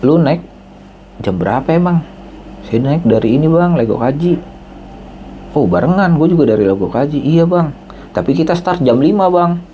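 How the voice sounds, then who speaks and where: A man tells a story in a loose, casual podcast chat. He acts out the dialogue lively, jumping up in pitch for the quoted voices. His tone is dark and mellow, with a faint hiss of noise behind. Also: normal speed, pauses often.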